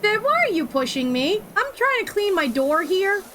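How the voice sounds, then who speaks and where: A high-pitched woman from Minnesota hosts a casual game stream. She teases her friends and laughs often while they chat. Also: very animated, moderate pace, sharp tone, a little hiss or hum. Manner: playful, teasing, laughs often.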